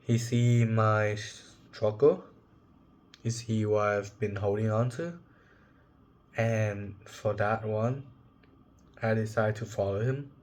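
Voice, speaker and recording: Slow, halting young man sharing a story. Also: on the low side, darkish tone. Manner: halting, searching for words, emotional. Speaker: vlogger. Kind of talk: personal reflective monologue.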